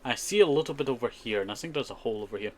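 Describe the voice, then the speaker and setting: A streamer from Scotland, a native Scottish Gaelic speaker, provides live gaming commentary in an expressive mid-range voice at a very fast pace. He's chatty and rambling and often repeats short phrases.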